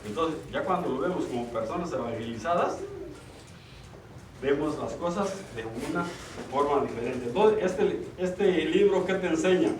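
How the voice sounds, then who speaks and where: A man's voice: on the high side, lively intonation, moderate pace, background noise. A middle-aged man giving an earnest church retreat talk, often checking in with listeners. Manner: earnest, questions the audience with tag "ok?". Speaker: lay speaker at a church retreat. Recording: roomy hall, from far off.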